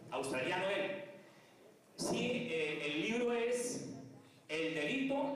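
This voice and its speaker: A man giving a conversational lecture and putting questions to the audience. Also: a little high. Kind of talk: lecture on restorative justice. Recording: echoey hall, mic far off.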